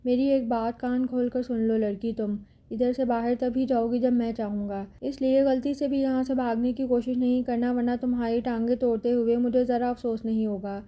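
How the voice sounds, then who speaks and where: A woman's voice: on the high side, flat delivery, few pauses, muffled recording, close to an everyday voice. A woman reading the part of a cruel, vengeful young man who has kidnapped a girl, speaking in a threatening, mocking way. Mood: menacing. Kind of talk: audiobook character reading.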